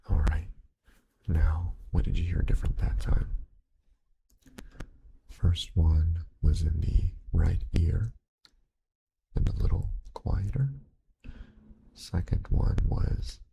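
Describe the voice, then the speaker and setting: Low creaky whispering man. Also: poor audio. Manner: soft whisper, patient step-by-step instructions and praise. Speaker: hearing test examiner in a roleplay. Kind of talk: ASMR roleplay.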